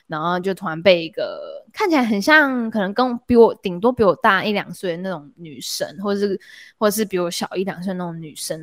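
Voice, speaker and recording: A woman's voice: medium pitch, no room sound, studio quality. A young woman with a Taiwanese Mandarin accent, hosting a podcast and telling a story in casual chat full of fillers and laughs. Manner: animated, laughs mid-story, lots of fillers. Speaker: podcast host.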